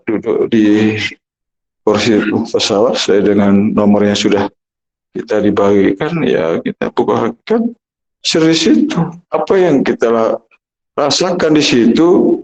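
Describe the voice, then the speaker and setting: A man giving an unhurried sermon as a spiritual teacher, often pausing and restarting his phrases. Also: medium pitch, a little mellow, highs cut off. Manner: unhurried, halting, many restarts and fillers.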